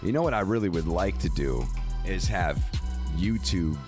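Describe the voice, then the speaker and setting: A man's voice: deep voice, animated, moderate pace, music in the background. A man hosting a casual podcast, talking in a loose, profane way and repeating himself as he goes. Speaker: podcast host. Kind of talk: casual chat.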